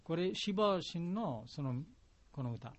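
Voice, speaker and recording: Man explaining a chant in halting Japanese. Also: fairly high pitch, lively intonation. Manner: simple, halting Japanese with patient word-by-word explanations. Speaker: chant teacher. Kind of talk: explaining a devotional song to a class. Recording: dull lo-fi recording.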